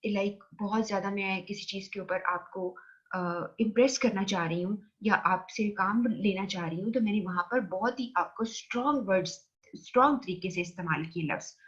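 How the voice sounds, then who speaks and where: Female lecturer with a Pakistani Urdu accent, medium pitch, mixes English into her teaching, slightly muffled recording. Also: a bit bright. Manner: explains slowly, mixing English terms into Urdu.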